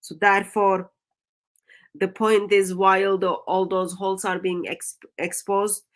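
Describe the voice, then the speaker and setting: With a mid-range voice and a level tone, a Turkish-accented woman whose first language is Turkish hosts a religious discussion show. The talk is live discussion with evangelistic exhortation, delivered deliberately and emphatically with frequent repeated phrases.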